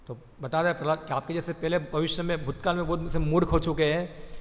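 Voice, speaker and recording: A man delivers a devotional sermon in a fairly high voice, asking his listeners questions and answering them himself. He slips into short acted dialogues to make his points. His voice rings with long reverb from a large hall. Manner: acts out the mind's voice in little dialogues. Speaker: preacher. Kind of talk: Hindi devotional sermon on scripture.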